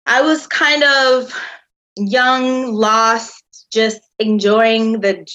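A woman's voice: fairly high pitch, steady tone, extremely slow, bright, forceful tone, dull audio. Guest, woman, 30s, from the US, chatty and filler-heavy storyteller. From United States. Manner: chatty, uses lots of "um" and "like". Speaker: guest, tour company founder. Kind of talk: casual interview storytelling.

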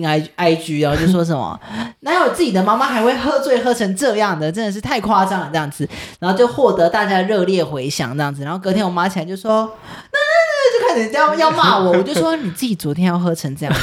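A woman, chatting casually and telling animated stories, laughing often. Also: fairly low pitch. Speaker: podcast co-host. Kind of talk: casual chat, storytelling.

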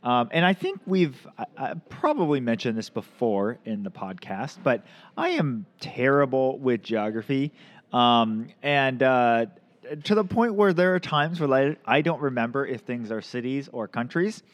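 Man hosting a podcast, casual rambling chat, filler words, mid-pitched voice. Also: big pitch swings, a little slow. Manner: rambling with many ums and restarts. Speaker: podcast host.

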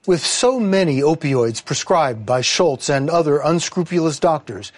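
A man reads scripted narration for an investigative news exposé in a measured, serious way with emphatic phrasing. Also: on the high side, no echo. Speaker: correspondent narrator.

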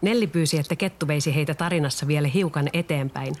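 Calm children's storybook narrator. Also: mid-range voice, slight background noise.

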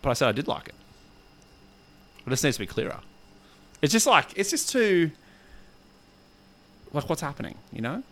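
Male host, animated intonation, casual banter. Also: fairly high pitch, normal speed, long pauses. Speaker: music podcast host.

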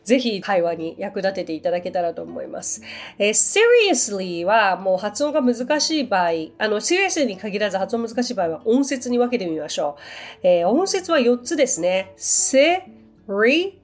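A woman's voice: medium pitch, expressive, normal speed, soft background music. Chatty woman hosting an English lesson podcast. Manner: friendly, chatty, with fillers. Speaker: podcast English teacher and host. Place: Tokyo.

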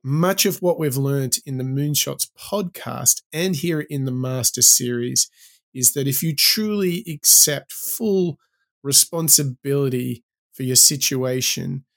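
A man's voice: medium pitch, measured pace, vocal fry, fairly bright tone. A man co-hosting a podcast in conversation, with a nasal, pinched-nose sound from recovering from the flu. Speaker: podcast co-host.

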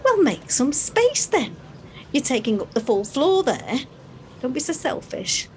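Woman cast as a bossy gym regular: blunt, high, slow-spoken, lively pitch. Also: slight background noise. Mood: brash. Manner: blunt, brassy and tactless. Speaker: gym class member. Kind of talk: sitcom acting.

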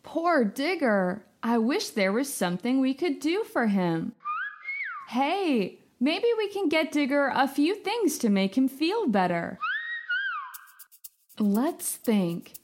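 Lively sing-song woman hosting kids' stories. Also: high-pitched, takes it slowly. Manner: bright, sing-song and encouraging. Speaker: children's podcast host. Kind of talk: storytelling to children. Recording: with music behind. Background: background music.

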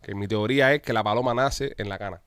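A man talks quickly, with a mid-range voice. He tells stories in an animated, profane way, hosting a casual podcast chat. The sound is dry and close. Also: on the low side, clean tone, no room sound. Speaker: podcast host.

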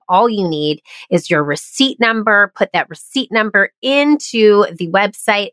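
A woman hosts a podcast interview, upbeat and enthusiastic despite a nasal, congested voice after the flu. Her voice is mid-range and fairly bright, with no room sound.

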